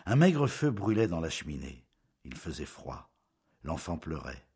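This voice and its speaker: A man narrating a classic novel as an audiobook in a measured, expressive storytelling manner. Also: rumbling low, husky.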